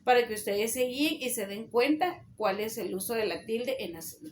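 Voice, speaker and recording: A woman teacher giving a recorded spelling lesson, dictating rules slowly and deliberately. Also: a little high, expressive, roomy sound, slight background noise.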